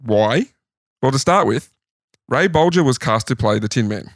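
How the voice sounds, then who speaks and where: An Australian man leads a casual podcast chat, walking his co-host through trivia at an easy middle pitch. The room sound is dry, with the mic close. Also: lively intonation, normal speed, no echo. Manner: storytelling, recounting trivia from notes.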